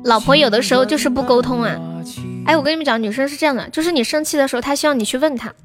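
A woman's voice: sits high, very fast, music in the background. A young woman hosting a livestream, chatting casually and playfully teasing her viewers with advice. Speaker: livestream singer and host.

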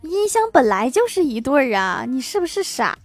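A woman tells short comic anecdotes in a scripted narration style. Her voice sits fairly high, and she adds a deadpan remark after each punchline. Faint music plays under her voice. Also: moderate pace. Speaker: joke-telling narrator.

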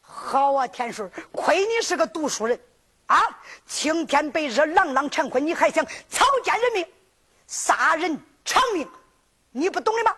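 A woman's voice: sits high, expressive, unhurried, fairly bright tone. A woman voicing a stern, righteous older male teacher with a Henan accent in sung folk storytelling, lecturing sternly.

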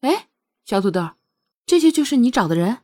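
A woman reading a novel aloud, voicing a cool-headed, scheming young woman in a slightly breathy voice with a brisk, commanding manner. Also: on the high side, big pitch swings, darkish tone, voice pushed up. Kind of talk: audiobook character voice.

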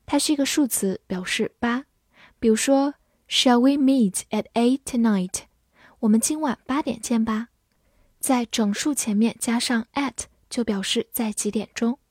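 A young woman teaching English vocabulary, spelling words out letter by letter and reading example sentences slowly. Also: fairly high pitch, darkish tone, husky, dry recording, clean studio sound. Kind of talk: scripted vocabulary lesson.

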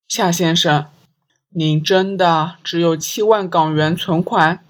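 A woman reading an audiobook, voicing a calm and analytical male police inspector who speaks in a measured way. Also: fairly low pitch.

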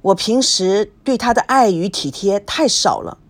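A woman's voice: mid-range voice, lively intonation, measured pace. A woman voicing a nervous, remorseful young man who apologizes hesitantly and stammers.

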